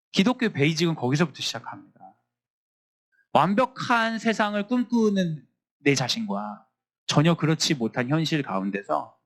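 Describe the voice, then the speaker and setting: A man chaplain teaches a Bible lesson to students in a lively, animated way. His voice sits slightly high for a man and swings widely in pitch. He slips into quick acted-out voices of teachers and students.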